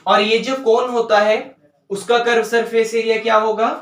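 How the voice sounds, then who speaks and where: A man teaching a maths lesson step by step, often checking whether students follow and slowly dictating terms as he writes. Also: extremely high pitch, flat delivery, recorded from a distance, slight background noise. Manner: dictates English terms slowly while writing. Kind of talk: board-work maths lesson. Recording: roomy sound, voice away from mic.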